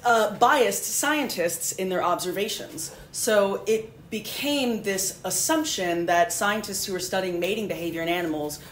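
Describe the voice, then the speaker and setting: A woman with a fairly low voice explains biology as a podcast guest, dropping in dry sarcasm between her fillers. The sound carries a roomy echo with faint noise behind. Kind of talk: casual explanatory interview.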